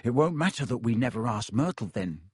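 A man's voice: medium pitch, big pitch swings, fairly quick, darkish tone, slightly rough, no room sound, studio quality. Man doing a blunt, grumbling boy Ron. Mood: relieved. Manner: blunt and complaining. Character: gangly boy wizard, glum and blunt.

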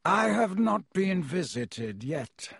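A haughty, icy nobleman wizard drawling his words slowly with contempt, put on by a male narrator. the voice sits a touch high and slightly husky, recorded close and dry with no room sound. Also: sing-song, fairly bright tone, no room sound, heavily acted. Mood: cold. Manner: icy, disdainful, clipped. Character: cold, haughty aristocratic wizard father.

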